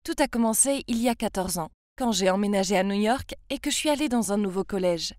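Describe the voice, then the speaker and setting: A woman's voice: medium pitch, animated, a little fast, darkish tone, dry recording. A woman in her twenties from France telling her own story in a confiding, chatty first-person narration. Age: 20s.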